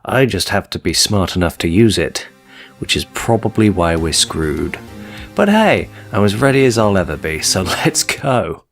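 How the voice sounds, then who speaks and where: A man's voice: low-pitched, sing-song, moderate pace, gravelly, soft background music. A man giving casual playthrough commentary as a gaming host, in a wry, self-deprecating way.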